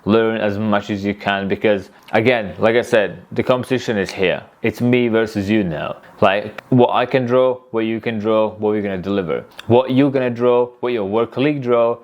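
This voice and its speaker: A man's voice: lowish voice, normal speed, hardly any pauses, highs cut off. A man teaching tattooing in a casual, rambling way, often restarting his sentences. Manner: rambling, restarts often, acts out client talk. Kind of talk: casual spoken lesson.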